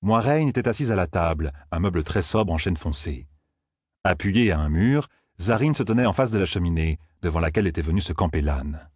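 A man's voice: low voice, a little fast, husky, dry recording, clean studio sound. A man narrating a fantasy audiobook expressively. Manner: expressive, voices each character.

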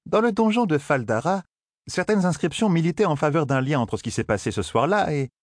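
A man voicing a calm, learned female sorceress, in a measured, explanatory way, for a fantasy audiobook. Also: fairly high pitch, no echo, clean studio sound, pitched above the performer's own voice. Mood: thoughtful. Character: female Aes Sedai scholar, calm and knowing.

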